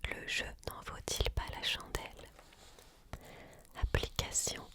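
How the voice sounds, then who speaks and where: Slow, hushed library whisper, ASMR reading. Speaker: ASMR reader.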